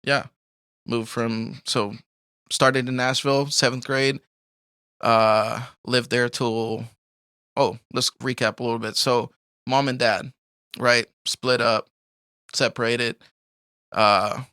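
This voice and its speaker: A man's voice: mid-range voice, little pitch movement, takes it slowly, pauses often, pushed and bright, clear, resonant tone, dry recording, studio quality. A young man from Colombia telling his life story in a casual interview, rambling with lots of fillers and frequent laughs. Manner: rambling, laughs often, many fillers like "like" and "you know". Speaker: podcast guest.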